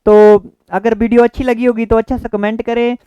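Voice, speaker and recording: A man's voice: very high voice, little pitch movement, fairly quick, mellow, clear, resonant tone, no echo, muffled recording. Man teaching a grammar lesson. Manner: repeats key words and questions to the viewer. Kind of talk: exam-prep Hindi grammar lesson.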